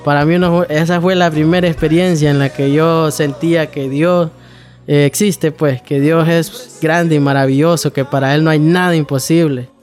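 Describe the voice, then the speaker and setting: Man, personal testimony, storyteller, slightly high voice, faint music bed. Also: steady tone, normal speed, darkish tone. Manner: storytelling, acts out dialogue, addresses listener as "hermano". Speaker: testimony speaker.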